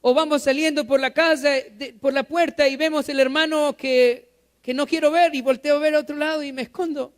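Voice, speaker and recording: A man delivers a church sermon in a strikingly high voice. He keeps asking his listeners questions and then answers them himself. He drives his points home by repeating them. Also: steady tone, brisk. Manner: asks the congregation rhetorical questions and repeats key phrases. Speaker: pastor.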